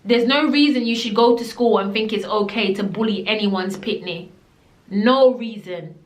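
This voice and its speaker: Recorded in low quality with a roomy sound, this vlogger talks at normal speed in a mid-range voice. She's a young woman from Jamaica, now in the UK, with a Jamaican accent, telling a blunt, emphatic storytime to camera and drifting into patois.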